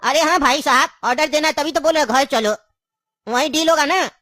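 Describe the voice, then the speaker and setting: A woman's voice: sits high, normal speed, heavy background noise, lightly acted. A woman playing a scheming, grieving old grandfather in a comedy skit, coaxing and insistent and laughing through her lines. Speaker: comic skit actor.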